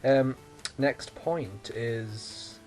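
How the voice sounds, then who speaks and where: A man co-hosting a casual podcast chat, explaining at length, thinking out loud and correcting himself. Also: mid-range voice, drawn-out words, soft background music. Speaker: podcast co-host.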